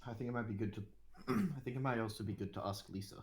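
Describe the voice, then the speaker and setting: Low-voiced man running a tabletop game. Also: fast talker. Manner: teasing, laughing banter. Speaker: game master.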